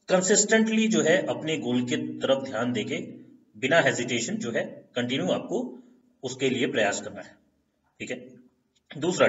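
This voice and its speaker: A man's voice: mid-range voice, recorded from a distance. A man hosting a casual lesson, explaining step by step and mixing English phrases into his talk, often checking in with his listeners. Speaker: channel host giving advice. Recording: echoey room, set back from a dull mic.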